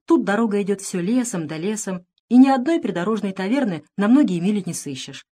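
A woman reading a storybook, voicing a timid, fawning male monk assistant with a squeaky voice. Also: expressive, fairly quick, warm tone, close to an everyday voice.

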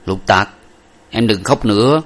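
A man's voice: lowish voice, unhurried, close to an everyday voice. Man voicing a solemn young masked hero.

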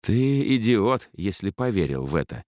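A man reading an audiobook, voicing a fierce young woman summoner who talks in a sharp, scolding way. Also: mid-range voice, big pitch swings, measured pace, dry recording, studio quality, pitched above the performer's own voice. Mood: scornful. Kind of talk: audiobook character voice.

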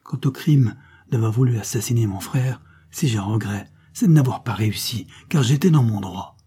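A man reads a cornered, cowardly young nobleman from an old French novel, his dark, husky voice rising a little when the figure pleads or argues back. The lines are delivered as storybook dialogue, insistent and scheming. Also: mid-range voice, normal speed. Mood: defiant. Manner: pleading then defiant.

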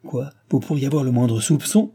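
A man's voice: mid-range voice, moderate pace, mellow, slightly rough, pitched above the performer's own voice, lightly acted. A man reading aloud and voicing an agitated, pleading young heiress in a raised voice.

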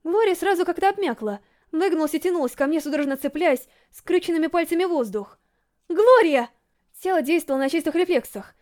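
A woman reading a first-person novel aloud as an audiobook narrator, with dramatic, emotionally expressive storytelling. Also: very high voice, fast talker.

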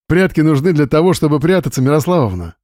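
A man voicing a grown village simpleton with a slow, singsong, childlike way of talking in an audiobook. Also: a little high, sing-song, darkish tone, no echo, studio quality, pitched above the performer's own voice. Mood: eerie.

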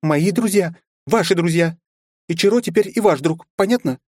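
A male reader voicing a young noblewoman, kind but commanding, in a raised falsetto for an audiobook. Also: normal speed, a little mellow, dry recording, studio quality. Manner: high falsetto, firm and imperious. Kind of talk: audiobook character voice.

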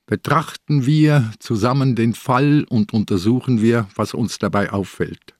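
A man's voice: mid-range voice, no echo, clean studio sound, natural voice. A man playing a shrewd old police inspector. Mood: reasoning. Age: older. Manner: measured, reasoning aloud. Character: aging shrewd police inspector, calm and probing. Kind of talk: radio play acting.

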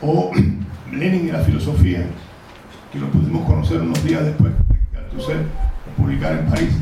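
A man's voice: medium pitch, wildly swooping pitch, moderate pace, music in the background. An older man with a Cuban Caribbean Spanish accent, giving an informal, digressive extemporaneous lecture as an academic speaker. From Cuba. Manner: frequent throat-clearing, digressive. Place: indoor conference room, recorded from afar. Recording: very echoey noisy room, distant mic.

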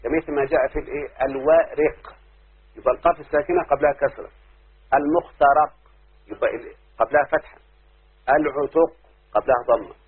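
A man's voice: on the high side, fairly quick, long pauses, slightly rough. A man with an Egyptian accent teaching a classroom lesson as a sheikh, stopping often to quiz his students. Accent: Egyptian Arabic. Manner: keeps quizzing students with repeated questions. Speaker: sheikh teaching Arabic rhyme. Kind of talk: classroom lecture. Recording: very tinny lo-fi recording.

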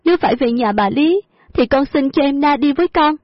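A woman's voice: sits high, expressive, brisk, no echo, pitched above the performer's own voice. A woman voicing a devoted young teenage girl who pleads earnestly, in a dull lo-fi audio story with faint music behind. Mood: pleading.

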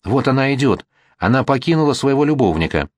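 A man voicing a mocking, excitable young gentleman. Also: lowish voice, moderate pace, no echo. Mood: teasing. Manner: teasing and excitable. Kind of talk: audiobook character reading.

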